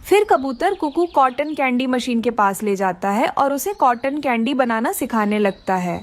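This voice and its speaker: Reading from a script, a woman narrates a story for children at a normal speed. Her high voice rises and falls in a very lively way.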